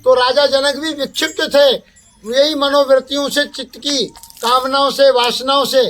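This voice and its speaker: A man's voice: extremely high pitch, level tone, a bit bright. A man giving a spiritual satsang discourse, explaining each term by repeating and defining it. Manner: slow, explains terms by repeating and defining them. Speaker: spiritual teacher.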